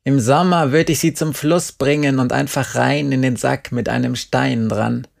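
A man voicing a stubborn, weary old farmer in an audiobook, speaking in a slow, drawn-out grumble. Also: medium pitch, fairly even intonation, vocal fry. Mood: matter-of-fact. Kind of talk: audiobook character voice.

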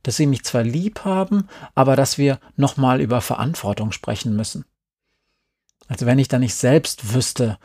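A man's voice: mid-range voice, moderate pace, mellow, no room sound, clean studio sound, lightly acted. A man voicing a sulky, irritated young boy as he reads a story aloud. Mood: annoyed.

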